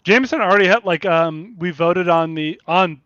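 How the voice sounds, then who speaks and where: Male host, casual and profane, laughs easily; slightly high voice, muffled dry lo-fi recording. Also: normal speed, fairly bright tone, no echo. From Kansas City area, USA. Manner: profane, blunt, laughs a lot. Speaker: podcast host. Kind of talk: casual chat. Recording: dull lo-fi dry sound.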